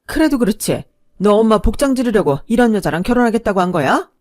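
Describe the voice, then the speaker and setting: A woman voicing a snobbish middle-aged mother who talks down to others in a shrill, domineering way. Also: sing-song, fast talker. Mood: scornful. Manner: shrieking, scornful, loud.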